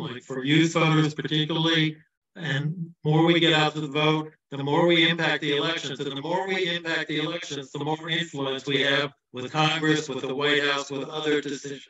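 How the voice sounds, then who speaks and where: A man from the Midwest gives a loose, self-deprecating campaign pitch over a video call. His bright, forceful voice booms back with a big hall echo, as if he sits far from the mic. The sound is dull and muffled. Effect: heavy hall echo on his voice. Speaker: candidate for party office. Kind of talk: campaign speech at an online event.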